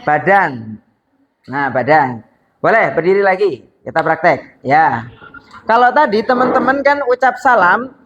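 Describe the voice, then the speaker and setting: A man's voice: high voice, fairly bright tone, muffled recording, slight background noise. A man teaching storytelling to a group in a workshop, upbeat and coaxing, counting students in for practice. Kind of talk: workshop lecture with practice drills.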